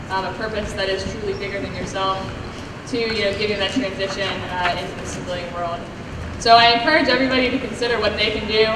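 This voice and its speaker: A woman in her thirties giving an appreciation speech to an audience as a guest, hesitant with many ums and you-knows. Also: medium pitch. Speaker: military veteran, guest speaker. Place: large echoing sports venue, public address. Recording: noisy echoey hall, distant PA microphone.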